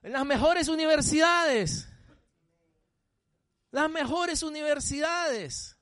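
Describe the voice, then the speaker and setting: A man's voice: very high-pitched, takes it slowly, a bit bright, no echo, studio quality. A male pastor preaching a sermon, emphatic, often asking the congregation questions.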